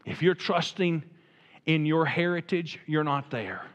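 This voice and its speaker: A man's voice: fairly high pitch, measured pace, a bit bright, highs cut off. A man preaching a sermon as pastor, emphatic and building to fervent appeals. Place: church sanctuary. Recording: reverberant church sanctuary.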